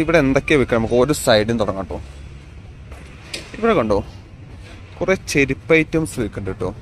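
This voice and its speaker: A man walks a busy outdoor street, chatting casually to his viewers as he films on a phone with no external mic. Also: medium pitch. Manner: chatty, addresses viewers as guys. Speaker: vlogger. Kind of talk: casual walking vlog. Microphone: phone camera, no external mic. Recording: phone recording with loud street noise. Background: street traffic and passers-by.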